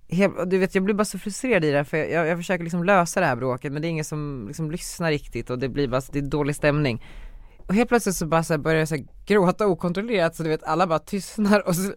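A man's voice: a little high, dry recording. Young man telling a story, dry sound. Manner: animated storytelling, many fillers. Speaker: guest, author. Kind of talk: casual conversation.

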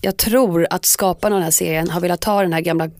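A woman's voice: fairly low pitch, steady tone, a little mellow, no echo, studio quality. A woman in casual podcast chat, giving firm opinions and dropping in English phrases. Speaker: podcast co-host.

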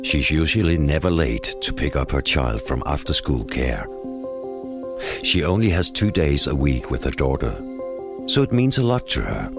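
A man's voice: extremely low pitch, big pitch swings, moderate pace. A man announcing and narrating a scripted true crime podcast. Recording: loud music under the voice.

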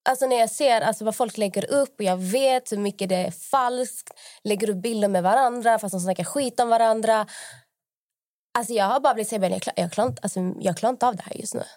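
A woman's voice: a little high, darkish tone, no echo, studio quality. A young woman co-hosting a podcast, telling rambling stories in casual chat, full of fillers and acted-out quotes. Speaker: podcast co-host.

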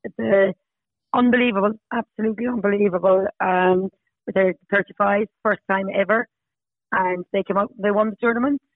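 Creaky Munster Irishwoman on a tinny line. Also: mid-range voice, steady tone, moderate pace, no echo. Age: 50s. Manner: chatty, emphatic repetition. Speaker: podcast guest, Masters hockey player. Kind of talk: casual interview.

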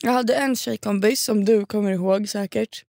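Young swedish woman rambling through a story on a podcast, gravelly fry, dry close mic. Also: mid-range voice, steady tone, a little mellow, no room sound. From Sweden. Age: young adult. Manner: storytelling, chatty with slang and swearing. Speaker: podcast co-host. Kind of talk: casual chat.

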